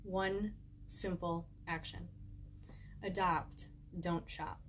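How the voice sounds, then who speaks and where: A woman with a lower voice and fairly even intonation reads her own book aloud very slowly at home. She keeps it informal and conversational, adding casual chatty asides, and background noise is clearly audible in the home recording.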